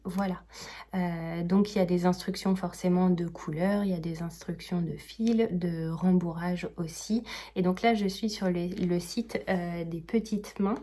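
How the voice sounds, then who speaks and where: A woman's voice: fairly low pitch, mellow. A French woman chatting casually in her knitting vlog, hesitant and full of fillers and restarts. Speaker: knitting vlogger.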